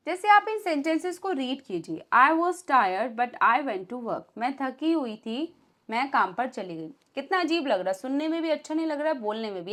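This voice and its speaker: A woman with an Indian accent teaching an online English lesson in Hindi, reading example sentences slowly and then translating them. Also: high voice.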